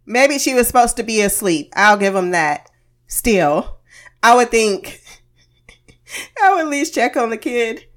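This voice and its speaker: A woman's voice: on the high side, lively intonation, measured pace, pauses often. An American woman hosting a casual TV review podcast, candid and wry, sounding under the weather and heavily medicated. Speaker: podcast host.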